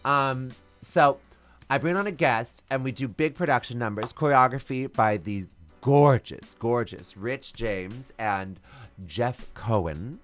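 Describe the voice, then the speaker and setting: With soft music in the background, a man who performs as a drag queen speaks slowly in a mid-range, slightly bright voice. He tells stories in a relaxed interview, his delivery strong, flamboyant, and theatrical, with big swooping intonation.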